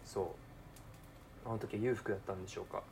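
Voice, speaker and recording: A young podcaster with a Kansai accent talks alone while cooking, mumbling to himself and then breaking into excited shouts. His voice is lowish, gravelly and fast, with a faint hiss of background noise.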